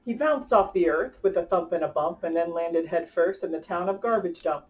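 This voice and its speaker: Reading picture books aloud and chatting with young listeners, a woman leads an enthusiastic children's story time, addressing the kids directly. She speaks at a moderate pace in a voice on the low side, and she sounds distant from the mic.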